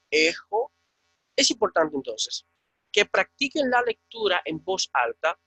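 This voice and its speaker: A man with a Dominican Spanish accent teaches a Biblical Greek class, his voice high and gravelly. He swings his pitch widely, slowly drilling each word and saying it twice. The sound is dry and close. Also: pushed and bright, no echo. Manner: slow, repetitive drilling of words. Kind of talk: online class lecture.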